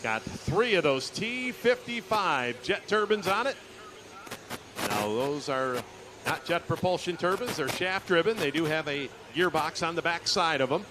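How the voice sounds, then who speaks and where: A man's voice: a little high, expressive, unhurried. A man giving live commentary as a tractor pull announcer at an outdoor event. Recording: noisy outdoor event with vehicles. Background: engine and outdoor noise.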